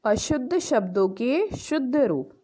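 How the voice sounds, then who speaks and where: A woman's voice: on the high side, big pitch swings, slow pace, warm tone. A woman teacher giving an online grammar lesson to young pupils, explaining step by step and asking the class questions before answering them herself. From India. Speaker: school teacher.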